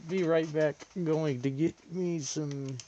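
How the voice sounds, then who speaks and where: A man's voice: a little high, fairly even intonation, slow pace, mellow, highs cut off, a little hiss or hum. A man streaming games, chatting casually with crude, teasing banter. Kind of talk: casual gaming stream chat.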